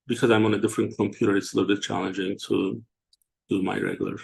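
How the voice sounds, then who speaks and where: A man from Turkey, hosting a casual online discussion and talking haltingly with many fillers and restarts. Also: on the low side, little pitch movement, a little mellow. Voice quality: gravelly, husky. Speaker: show host.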